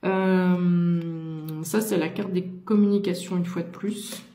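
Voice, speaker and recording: A woman's voice: on the low side, steady tone, slow pace, mellow, roomy sound. A woman giving a casual tarot reading to the viewer, talking with many fillers and restarts. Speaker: tarot card reader.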